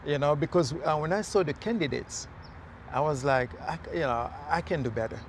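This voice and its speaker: A man from Haiti talks earnestly and haltingly in an outdoor interview, his fairly high voice rough with gravel. Faint city traffic hums behind him. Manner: earnest, hesitant, many fillers. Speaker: mayoral candidate. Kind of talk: casual interview.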